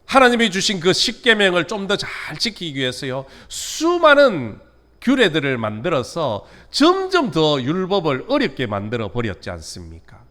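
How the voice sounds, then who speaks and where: A man preaching a midweek sermon as pastor, lifting his voice on key words and letting sentence endings fall away softly. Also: on the high side, huge pitch swings, moderate pace. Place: church sanctuary.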